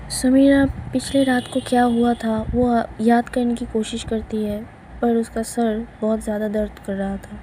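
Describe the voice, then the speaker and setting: A woman narrating a romance story in an even, unhurried way. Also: a little high, a little hiss or hum, low-quality recording.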